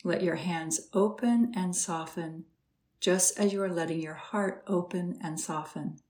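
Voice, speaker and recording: A woman guides a meditation with a slightly low voice. Her delivery is soft and slow, and she leaves calm pauses between each soothing instruction.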